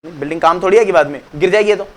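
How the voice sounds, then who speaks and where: A man with a high voice races through a chatty accounts lecture, throwing questions at students and answering them himself. He frequently slips English phrases into his Hindi and calls students "beta" with fondness.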